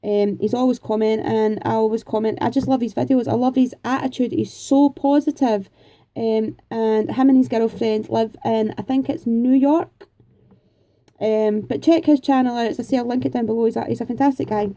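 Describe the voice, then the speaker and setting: In a relaxed chat answering viewers' questions, a forty-something woman from Scotland rambles a bit, sounding homely and chatty with lots of filler words. Her voice is a little high and dark, with fairly even intonation and a normal speed.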